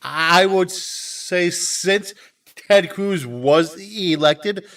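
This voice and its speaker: A man's voice: high voice, extremely slow, fairly bright tone, far from the mic. A man co-hosting a casual podcast, teasing and stammering with many restarts. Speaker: podcast co-host. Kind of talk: casual chat. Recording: voice from off the mic.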